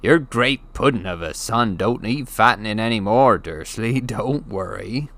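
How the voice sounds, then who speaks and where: A man's voice: lowish voice, animated, a little slow, fairly bright tone. A man voicing a huge, brash, jovial bearded giant in a storybook reading, with folksy, colloquial speech and dropped endings. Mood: mocking.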